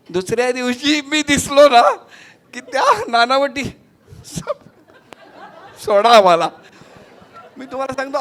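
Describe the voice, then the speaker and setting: A man with a notably high voice hosts a stage conversation. He tells a story with animated energy and acts out each line of dialogue as he goes. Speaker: host. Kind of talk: lively stage anecdote.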